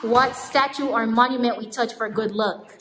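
A young woman casually quizzing students outdoors, teasing and quick to laugh. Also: on the high side, fairly even intonation, sharp tone, echoey room. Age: young adult. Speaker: street interviewer. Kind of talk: casual campus quiz interview. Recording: crowd chatter behind.

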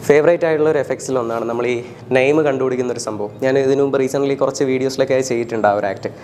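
Outdoors in public, a male street mentalist works the crowd, guiding volunteers with calm, coaxing, soothing instructions he repeats, though his patter with spectators comes rapid-fire. His voice sits at an ordinary middle pitch, and clear street noise runs behind him.

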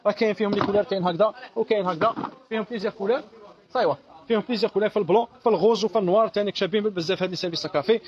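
Rapid high-voiced shop seller. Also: male voice, lo-fi sound. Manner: rapid, repeats prices over and over. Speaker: shop seller on a live stream. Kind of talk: live sales pitch.

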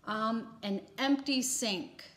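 A woman teaching a recorded vocabulary lesson, speaking slowly and spelling words out letter by letter in an upbeat classroom manner. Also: a little high. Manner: upbeat, turning briefly animated on example lines.

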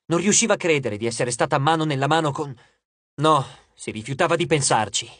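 Male audiobook narrator: slightly high, expressive, bone-dry studio sound. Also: a little fast, no echo. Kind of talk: scripted narration.

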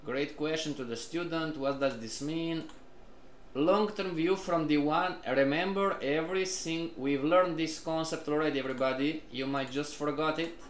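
A man teaches a live online trading class, repeatedly questioning and prompting his students as a group and addressing them often. His voice is a little high, at a moderate pace, with a roomy sound and a little hiss or hum.

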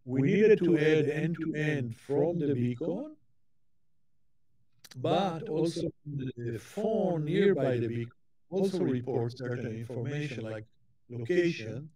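Delivering a technical keynote at a conference, a man talks at a leisurely pace in a dark, mellow voice that is fairly high and expressive. He frequently stops and starts over, repeating little words while he lines up his next point.

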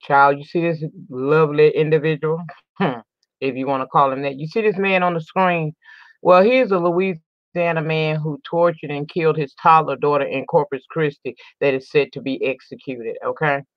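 A woman's voice: sits low, fairly even intonation, moderate pace, dry recording. Woman giving dry lo-fi crime commentary. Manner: emphatic and indignant, repeats words for stress; stumbles and restarts while reading aloud. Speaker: YouTube crime news commentator. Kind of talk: reading a news article with personal commentary. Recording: dry, dull lo-fi recording.

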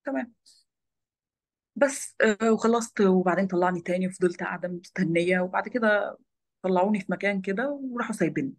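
A young woman with an Egyptian Arabic accent, a former lawyer turned photojournalist, recounting her own experiences as an interview guest. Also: medium pitch. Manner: rapid, tumbling storytelling.

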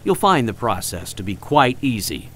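A man reading a scripted flight-training voice-over in a clear, instructive, measured way. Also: mid-range voice, very animated, fairly bright tone, slight background noise.

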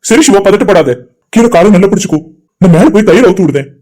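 A woman voicing a steady young man in an amateur cartoon who speaks in a calm, reassuring way. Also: medium pitch, quick pace, voice pushed down, natural voice. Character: calm young male friend, steady helper.

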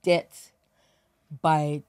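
Nigerian woman, low voice, business news chat, dry studio sound, chatty. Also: flat delivery, drawn-out words, darkish tone, clean tone, no echo. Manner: chatty, laughs easily, many fillers. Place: TV studio with seated guests. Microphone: studio mic on boom arm.

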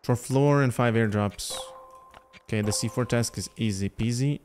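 A man's voice: medium pitch, normal speed, darkish tone, faint music behind. A man from Lithuania, casually commenting on gameplay and chatting with his viewers. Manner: chatty, thinking aloud, talks to chat. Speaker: gaming livestreamer.

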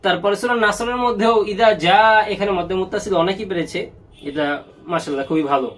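Teaching Quran recitation rules online, this man questions and answers himself and chants example words at a slow pace. His voice sits high and is a bit bright.

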